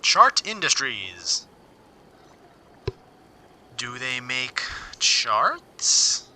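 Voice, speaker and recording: On a casual livestream, a man thinks aloud, reading figures and musing on them wryly while interrupting himself and repeating words mid-sentence. His mid-range voice swings widely in pitch and sounds bright and forceful, though he speaks extremely slowly. The recording is rough.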